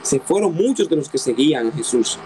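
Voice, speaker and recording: A man's voice: on the high side, big pitch swings, fairly quick, mellow, slight background noise, rough recording. A man preaching a sermon, emphatic, repeating key phrases and asking his listeners rhetorical questions.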